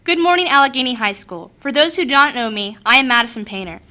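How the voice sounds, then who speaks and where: Casting: teenage female candidate, high bright voice, scripted motivational school speech. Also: expressive, fast. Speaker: student election candidate.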